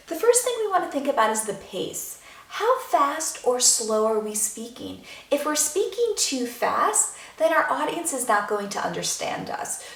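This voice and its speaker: A woman drama teacher giving a clear, instructive video lesson to students. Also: fairly high pitch, a bit bright, reverberant, recorded from a distance.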